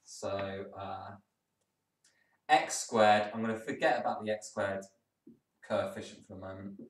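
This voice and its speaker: A man tutors his way through an exam question, relaxed and candid, thinking aloud as he goes. His voice sits at an ordinary middle pitch. It sounds roomy and a little distant from the microphone. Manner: casual, thinks aloud, frank asides. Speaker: maths tutor. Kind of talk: exam walkthrough lesson. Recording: echoey room, voice off-mic.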